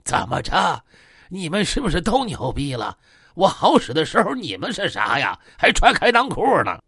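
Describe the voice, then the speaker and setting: An indignant gangster in his fifties, as a male storyteller puts him on, with a Northeastern Mandarin accent. He brags and complains with lively, swinging pitch. The recording is dry. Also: normal speed, husky, no room sound, heavily acted. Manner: indignant, boastful. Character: proud gangster in his fifties, touchy about respect.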